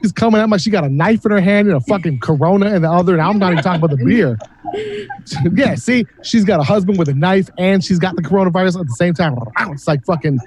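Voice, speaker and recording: A man's voice: high voice, quick pace, a little mellow. A man animatedly telling a story in casual chat, swearing and acting out quotes over a video call. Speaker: host.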